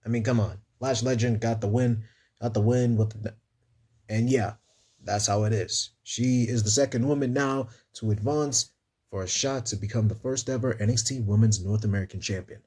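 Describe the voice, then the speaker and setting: Male reviewer, dark husky voice, loose and playful solo recap. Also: mid-range voice, steady tone, moderate pace. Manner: chatty, playful, talks to viewers as "y'all". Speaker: wrestling show reviewer.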